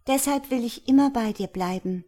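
A woman's voice: normal speed, dark tone, lightly acted. A woman reading a fairy tale aloud and voicing a kind-hearted, loyal little female swallow in a raised, pleading voice. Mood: tender. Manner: high pleading storytelling voice.

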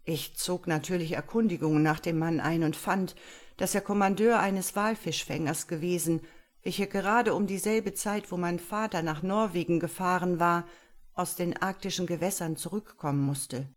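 A troubled young man, read aloud by a woman gives a long, halting confession after his arrest. The voice sits low and plain, with a storybook feel. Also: natural voice. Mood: earnest.

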